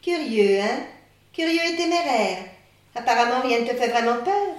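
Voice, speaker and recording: A talking female sea turtle from a storybook, weary and calmly probing, voiced by a woman in a raised voice that swings up and down. It sounds set in a strongly echoing room, with the mic well away from her. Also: a little high, moderate pace, lightly acted. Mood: wary. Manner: calm, questioning, slightly weary. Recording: echoey room, mic far off.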